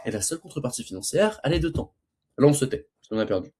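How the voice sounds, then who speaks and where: A man's voice: medium pitch, sing-song, fast talker, warm tone, slightly rough. A young man coaching sales closing in a casual talk, stuttering and restarting often, and acting out both sides of a sales call. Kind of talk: casual teaching monologue.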